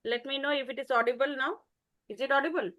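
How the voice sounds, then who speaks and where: A woman lectures an online class in a high voice. She explains step by step, patient and unhurried. Her talk is broken by frequent hesitant pauses, heard through a call headset mic. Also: a bit bright. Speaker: teacher. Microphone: earphone mic on a video call.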